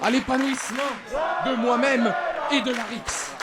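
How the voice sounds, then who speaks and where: High-pitched, theatrical male wrestling commentator. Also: steady tone, normal speed. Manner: theatrical, mock-pompous, sardonic. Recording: loud music and crowd behind. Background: loud music and crowd noise.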